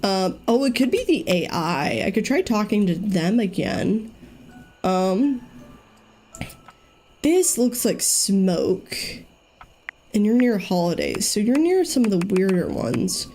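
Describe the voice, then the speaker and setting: A woman's voice: mid-range voice, big pitch swings, slow pace, long pauses, a little mellow. A young woman giving casual let's-play commentary, chatty and thinking aloud with frequent ums. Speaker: gaming YouTuber.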